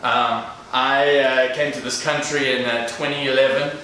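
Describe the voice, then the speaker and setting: A South African man in his thirties, appearing as a guest speaker, gives an earnest motivational talk directly to a live crowd in a large, echoey event room. His medium-pitched voice is bright and forceful, with a steady tone and moderate pace, picked up by a distant mic with faint noise.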